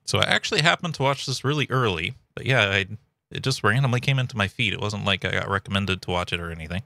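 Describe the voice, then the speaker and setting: A man hosts a casual commentary video in a fairly low voice with a creaky edge. He talks conversationally, close to the mic in a dry home setup. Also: expressive, quick pace, pushed and bright, dry recording. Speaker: video host giving thoughts and theories.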